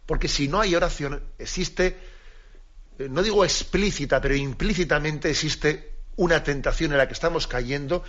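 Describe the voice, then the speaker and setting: A priest giving an earnest radio catechism talk, repeating key phrases for emphasis. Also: male voice, fairly high pitch, normal speed, a bit bright. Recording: dull lo-fi radio broadcast.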